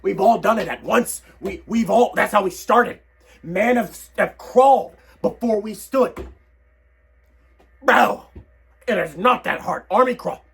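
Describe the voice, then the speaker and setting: Hoarse, high-pitched excitable young man. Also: a little slow. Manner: excitable, yelling rants with sudden quiet asides. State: hoarse, losing his voice. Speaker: comedy vlogger. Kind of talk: comedic tier-list rant.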